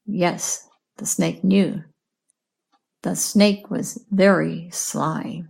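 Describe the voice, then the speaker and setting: A woman teaching English in a slow, clear lesson, patiently asking questions and repeating answers. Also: on the low side, fairly even intonation, darkish tone. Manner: patient, repeats and explains words.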